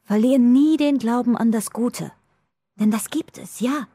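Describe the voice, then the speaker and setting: A kindly old woman, sick with fever, speaks slowly and weakly in an audiobook scene, as the narrator puts her on. Her voice sits noticeably higher than the narrator's own and carries a thin, gentle tenderness. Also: husky, no echo. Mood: weak, tender. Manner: slow, weak and tender. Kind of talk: audiobook dialogue.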